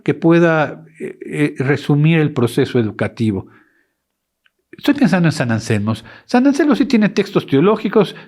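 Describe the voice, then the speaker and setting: A man with a fairly high voice delivers an educational lecture. His talk is animated, and he often stops mid-phrase to correct himself before moving on.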